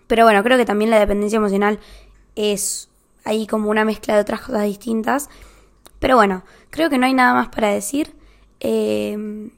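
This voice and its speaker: A young woman with an Argentine accent, speaking in an earnest, open monologue, often pausing with fillers and restarting her sentences. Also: fairly high pitch, creaky. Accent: Argentine Spanish. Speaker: vlogger. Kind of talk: casual heartfelt monologue.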